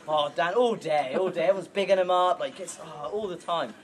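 A man in his twenties gives a joking best man speech at a wedding in an outdoor pub garden, telling stories and chuckling through his lines. His voice is on the high side and fairly quick, captured by a far camera amid loud noise and a laughing crowd.

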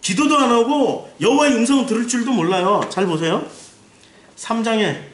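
A man, a pastor, teaching a Bible lecture in a lively way, asking rhetorical questions and acting out scenes. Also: very high-pitched, moderate pace, slight background noise. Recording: roomy echo, distant mic.

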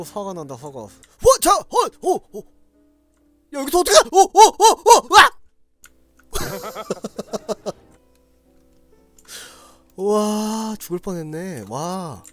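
A man doing loud, excitable gameplay commentary, exclaiming and talking straight to his viewers. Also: high voice. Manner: loud, excitable, shouting and laughing often; talks to viewers directly. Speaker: game streamer.

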